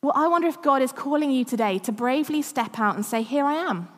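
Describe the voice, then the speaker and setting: A woman's voice: high voice, fast, long reverb tail. A woman in her thirties preaching a sermon, chatty and self-deprecating, often laughing at herself. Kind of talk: sermon with personal stories.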